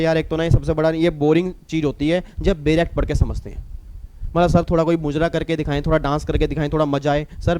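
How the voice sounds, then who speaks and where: A middle-aged man with an Indian accent teaching a tax class, lively, repeating his points and teasing students. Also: fairly high pitch, slight background noise. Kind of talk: recorded classroom lecture.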